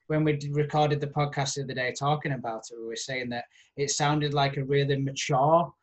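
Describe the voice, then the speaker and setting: A man's voice: medium pitch, fairly even intonation, fairly quick. Man as podcast host, casual and enthusiastic, asks thoughtful questions.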